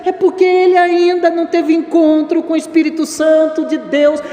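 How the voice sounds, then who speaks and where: A male evangelist giving an animated, conversational teaching sermon, speaking directly to his congregation in a church hall. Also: extremely high pitch, moderate pace. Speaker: evangelist preaching. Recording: roomy echoing church reverb.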